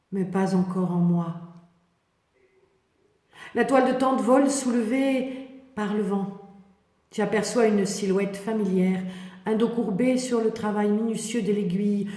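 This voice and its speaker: A woman reading a scripted, poetic biblical meditation in the first person, in a contemplative, measured manner. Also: mid-range voice, warm tone. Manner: slow, poetic, contemplative delivery with measured phrases. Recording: echoey hall with long reverb.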